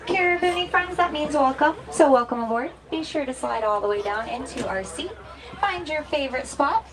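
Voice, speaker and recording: Welcoming lady safari guide from texas, higher voice, rattling off her tour spiel on a truck. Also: expressive, moderate pace, a crowd in the background, rough recording. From Dallas, Texas. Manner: welcoming, addresses riders as friends. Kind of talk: scripted tour narration with spiels. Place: outdoor open safari truck.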